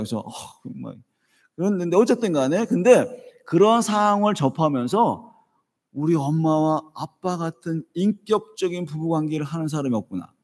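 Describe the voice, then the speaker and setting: A man in his fifties preaching a sermon, telling a family story in a lively way and acting out the voices in it. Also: a little high. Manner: storytelling, animated, acts out dialogue. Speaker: pastor. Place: church sanctuary. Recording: reverberant church hall.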